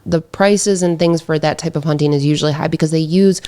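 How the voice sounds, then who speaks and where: Woman with a low voice on a podcast, earnest and firm. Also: fairly even intonation, brisk, dark tone. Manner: earnest, firm about her views. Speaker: podcast guest, hunter. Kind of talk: casual chat.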